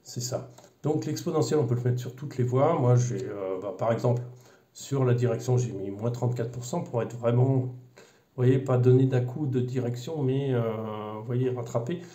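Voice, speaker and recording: Un homme qui présente et explique une radiocommande de modélisme, sur un ton décontracté, avec beaucoup d'hésitations et de reprises. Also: male voice, mid-range voice, normal speed, warm tone, echoey room. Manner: rambling, many fillers and restarts. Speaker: RC hobby video host. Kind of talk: casual unboxing explanation.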